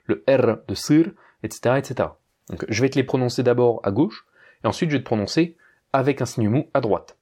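A man teaching pronunciation in a relaxed, informal way, talking straight to a single learner. He repeats each example sound again and again, slowing down to draw it out. His voice sits at an ordinary male pitch. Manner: patient, repeats example sounds slowly and often; addresses the learner informally and directly. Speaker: Russian language teacher.

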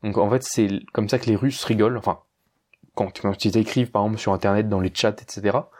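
A man giving a casual pronunciation lesson, speaking slowly and repeating words carefully, addressing the listener informally. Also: on the low side, fairly even intonation, darkish tone. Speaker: language teacher.

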